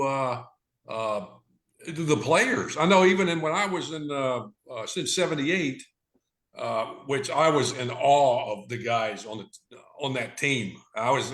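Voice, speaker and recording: An older former ballplayer with a Southern accent reminisces. He talks haltingly with many restarts, and his voice rings in a roomy, echoey space. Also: medium pitch, fairly bright tone. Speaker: former pitcher, guest. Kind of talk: casual reminiscing chat.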